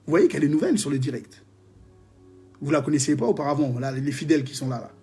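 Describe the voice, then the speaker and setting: A man leading a live-streamed prayer session, reading testimonies and preaching in a lively, exclamatory way, often joking with his viewers. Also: a little high, fast talker. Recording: faint music behind.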